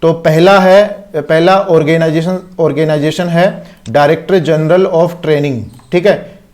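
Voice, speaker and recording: A man's voice: fairly high pitch, steady tone, slow pace, darkish tone. A man with an Indian accent teaching an online exam-prep lecture, explaining step by step and checking in with constant rhetorical questions.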